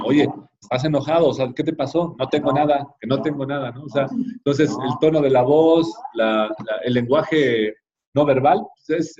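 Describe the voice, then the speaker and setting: A man with a Mexican accent teaching a church class in a relaxed, conversational way, often checking in with his listeners. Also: mid-range voice, muffled recording. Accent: Mexican Spanish. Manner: conversational, frequent tag questions, addresses the class directly.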